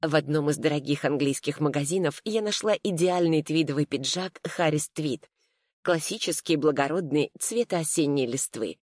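A woman reading a first-person story aloud in a calm, reflective way. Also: low-pitched, normal speed, no echo, studio quality. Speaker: audiobook narrator. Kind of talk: scripted first-person narration.

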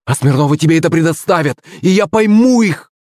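A man voicing a sharp-tongued, imperious middle-aged princess in an audiobook, speaking in a cold, cutting, scolding tone. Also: low-pitched, expressive, normal speed, breathy edge, no echo, studio quality. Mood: scornful. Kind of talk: audiobook character voice.

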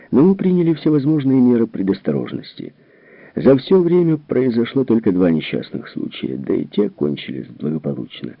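A man's voice: on the low side, creaky, slightly rough, no room sound, heavily acted. A man reading aloud who voices a worried, troubled general explaining things earnestly, on a tinny narrow-band recording. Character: worried, troubled middle-aged male general.

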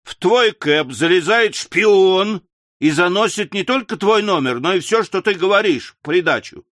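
A man reading an audiobook, voicing a quarrelsome male cabman who shouts challenges. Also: sits high, expressive, normal speed, no room sound, clean studio sound, voice pushed up. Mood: indignant. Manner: loud, belligerent, challenging. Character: brash quarrelsome male London cabman, bellicose.

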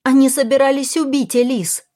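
A woman voicing an agitated, defensive woman who has been keeping a secret, shrill and pleading in a storybook reading. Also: animated, moderate pace, darkish tone, lightly acted.

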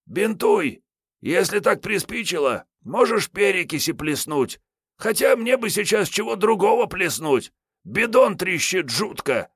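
A boorish, hungover wasteland drifter voiced by a man with a drink-roughened, raised voice that swings all over the place. He grumbles, whines and rants rudely, in a dry, close audiobook reading. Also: sits high, very animated, unhurried, dry recording, pitched above the performer's own voice, exaggerated voice. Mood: grumbling, boorish. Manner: rude, grumbling, self-pitying. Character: hungover boorish male wasteland vagrant gunman. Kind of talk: audiobook character voice.

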